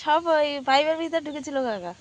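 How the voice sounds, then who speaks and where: A hoarse woman vlogging her village life outdoors, chatting and asking her family questions as she goes. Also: sits high, expressive, a little fast. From Bengal. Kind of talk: casual narration of daily life.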